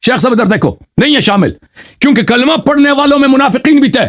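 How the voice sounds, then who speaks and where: A man hosting a heated live religious debate, insistent and combative, who keeps pressing his opponent for answers and recites scripture slowly between quicker arguments. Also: very high-pitched, expressive. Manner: cites scripture slowly, then speeds up to argue. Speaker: debater and channel host.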